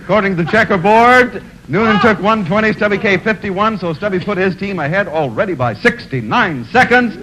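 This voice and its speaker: A man's voice: sits high, lively intonation, a little fast, few pauses. A man hosting a TV game show, joking and bantering with the players. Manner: jovial, joking. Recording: noisy early 1960s TV broadcast.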